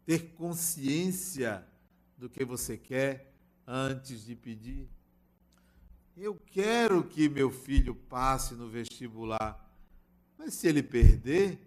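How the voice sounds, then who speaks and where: An older man giving a spiritual talk, telling a family anecdote and acting out the dialogue. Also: mid-range voice. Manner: storytelling, acts out family dialogue.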